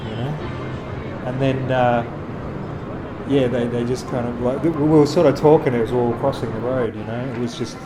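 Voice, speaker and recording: A man, a street photographer, telling a story to camera in a halting, rambling way, full of restarts and fillers. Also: medium pitch, steady tone, music in the background, low-quality recording. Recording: street noise and traffic behind.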